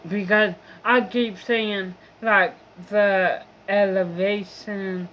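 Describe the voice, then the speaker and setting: A woman's voice: medium pitch, steady tone, extremely slow, a bit bright, a little hiss or hum. A young woman vlogger in a rambling, profane, complaining monologue. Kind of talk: casual venting monologue.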